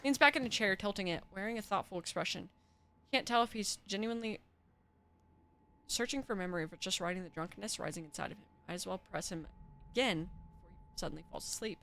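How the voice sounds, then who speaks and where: A woman's voice: medium pitch, quick pace, gravelly, pushed and bright, a little hiss or hum. A young woman streamer reading game narration aloud with dramatic flair and chatting to her viewers in between. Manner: dramatic second-person narration with chatty asides to chat. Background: faint music.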